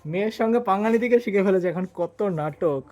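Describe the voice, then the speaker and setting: A man with a Kolkata Bengali accent and a fairly high voice talks casually on his vlog. He coaxes and teases the animals in a playful family way. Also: quick pace, a little mellow, lo-fi sound. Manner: coaxing, teasing, talks to animals. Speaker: vlogger.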